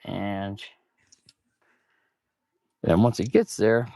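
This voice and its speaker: Chatting on a livestream as he works in his auto shop, a mechanic rambles informally and calls out to "man" and "guys." His lowish, warm voice draws out words with vocal fry, and heavy mouth breathing from a stuffy nose is audible. The recording is dry and studio quality.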